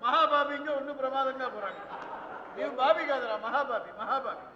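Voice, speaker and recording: A man's voice: extremely high pitch, moderate pace, far from the mic, crowd noise, background noise. An actor playing a grumpy father who mocks and scoffs at his son's romance, in an old stage play recording. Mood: mocking. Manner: scornful, sarcastic. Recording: roomy hall, dull lo-fi old stage recording.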